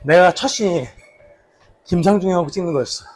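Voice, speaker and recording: A man with a slightly husky voice casually reminiscing for a vlog while out slow running. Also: high voice, a little mellow, slight background noise. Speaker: actor, vlog host. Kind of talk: casual vlog reminiscing about a past drama role.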